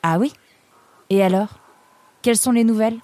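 A woman voicing a furry male creature who frets and protests in a raised, excitable voice. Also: fairly high pitch, normal speed, no room sound, voice pushed up, lightly acted. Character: big furry male creature, fretful and touchy.

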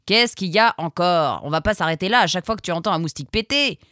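A woman's voice: on the low side, lively intonation, fast talker, a bit bright, no echo, clean studio sound. A woman voicing a brash, impatient male fox soldier who scoffs at his comrade. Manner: scoffing, pushy.

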